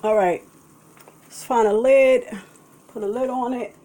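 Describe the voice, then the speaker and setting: A woman's voice: fairly high pitch, steady tone, measured pace. A woman vlogging a casual cooking demonstration in her home kitchen, talking in a chatty, rambling way and correcting herself as she goes. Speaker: vlogger cooking a vegan breakfast. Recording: kitchen noise and pan sizzle. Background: food sizzling in a pan.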